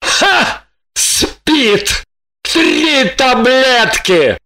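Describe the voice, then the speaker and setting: Woman putting on a loud fuming hungry guy, bright and slow, storybook. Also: on the low side. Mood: outraged. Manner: loud, outraged, theatrical. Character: hungry indignant grown man, hiding lover.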